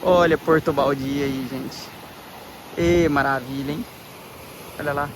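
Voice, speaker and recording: A Brazilian man telling a travel story in a casual vlog, excited and full of slang, recorded outdoors by the sea on a handheld camera. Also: medium pitch, measured pace, noisy background. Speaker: travel vlogger.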